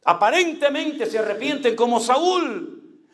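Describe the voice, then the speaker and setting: A male pastor with a Canary Islands Spanish accent, preaching a sermon with dramatic swings between loud cries and hushed low tones. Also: expressive, measured pace, reverberant.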